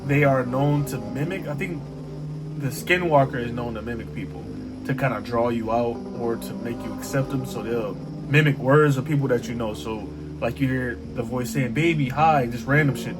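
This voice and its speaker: A man hosting a reaction video, talking casually and excitedly and swearing freely. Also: mid-range voice, music in the background. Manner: excitable, swearing, quick to jump in.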